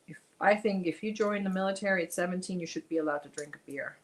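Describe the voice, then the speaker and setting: A woman from Germany with a lowish voice talks fast while hosting a casual crochet livestream. She chats as she works, reads viewer comments aloud, and mutters while counting stitches.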